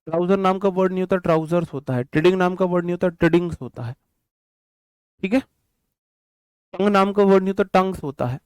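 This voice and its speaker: Young male tutor, casual exam-prep lecturing, fairly high voice, dry close sound. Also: a little mellow, smooth, no room sound. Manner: explains in Hindi mixed with English terms, repeats and counts out examples; addresses students directly, casual and chatty. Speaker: English teacher.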